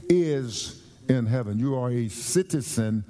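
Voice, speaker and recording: A man from the United States preaching a sermon earnestly, often repeating and restarting phrases and slowing down to stress a point. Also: medium pitch, animated, mellow. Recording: long hall reverb.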